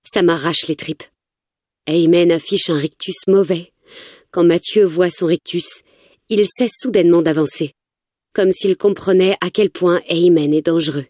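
Woman reading a tense first person story, low mellow voice, dry close sound. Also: a little slow, no room sound. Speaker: narrator. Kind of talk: audiobook narration, first person.

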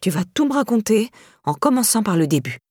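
A woman reading aloud, voicing a kind but firm older woman who speaks briskly and sternly. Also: medium pitch, sing-song, darkish tone, husky, no room sound, studio quality.

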